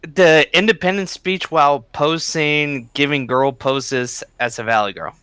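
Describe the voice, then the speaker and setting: Bright, clear-voiced hesitant man. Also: on the high side, unhurried, dry recording. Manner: hesitant, stumbling restarts. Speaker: podcast panelist. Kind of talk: casual gaming chat.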